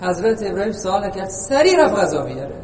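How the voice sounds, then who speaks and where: A man delivers an informal religious lesson in a conversational, teasing way, full of rhetorical questions. His voice sits unusually high. The recording comes from far off in a long-echoing hall, with a faint hiss underneath. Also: big pitch swings, darkish tone. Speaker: preacher. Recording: echoey hall, distant mic, faint noise.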